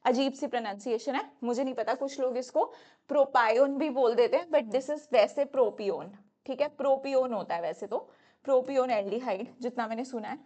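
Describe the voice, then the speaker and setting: A woman's voice: sits high, brisk, dark tone. A young woman, teaching a chemistry exam-prep lecture in a chatty way and correcting herself as she goes. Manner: chatty, addresses students as "beta", self-correcting.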